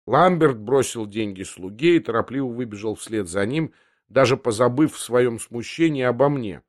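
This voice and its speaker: A man reading a classic novel aloud with measured storytelling. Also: mid-range voice, expressive, no room sound, clean studio sound. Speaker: audiobook reader. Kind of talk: literary narration.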